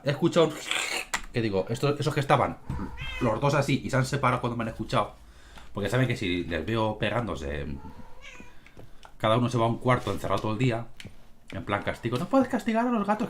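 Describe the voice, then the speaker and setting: A man with a Spain Spanish accent gives casual gameplay commentary, swearing freely and speaking straight to his viewers from home. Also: mid-range voice. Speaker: gaming streamer. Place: home room with cats. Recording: home recording with steady background noise.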